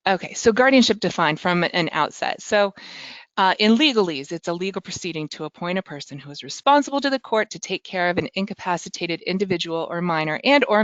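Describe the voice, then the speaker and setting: American woman presenting to an audience, lower-pitched. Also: dry recording. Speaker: legal director and invited speaker. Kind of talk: informal presentation in front of an audience. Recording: muffled, dry audio.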